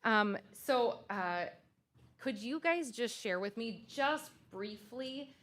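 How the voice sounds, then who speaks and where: A woman's voice: fairly high pitch, expressive, slow, a bit bright. A woman consultant presenting to a school board at a public meeting, conversational and loose, with frequent fillers and restarts.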